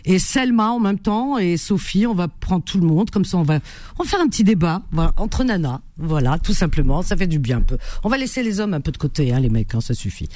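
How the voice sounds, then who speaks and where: A woman hosting a radio call-in show, chatting casually and reading an article aloud, halting with many fillers and restarts. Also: lowish voice, sing-song, a little mellow, dry recording.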